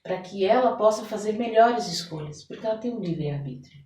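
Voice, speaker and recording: This Brazilian therapist, guesting on a podcast, speaks at medium pitch, a little fast, with an expressive delivery and a darkish tone. Her explanations are chatty and grounded in everyday examples and imagined quotes. Sound is echoey and distant, with noise in the background.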